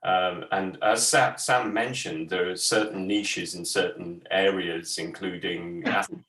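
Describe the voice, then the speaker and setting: A man's voice: deep voice, steady tone, measured pace, a bit bright. A man speaking as a sector advisor over a video call, hesitant and full of ums and restarts, in an echoey room far from his mic. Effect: heard over a video call.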